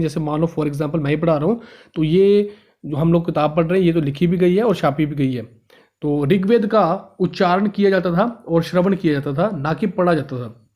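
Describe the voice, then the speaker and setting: A man's voice: on the high side, darkish tone. A male teacher reads from a school history textbook, then explains each line in simpler words, often stumbling and restarting words. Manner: speaks to listeners as friends. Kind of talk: reading and explaining a textbook lesson.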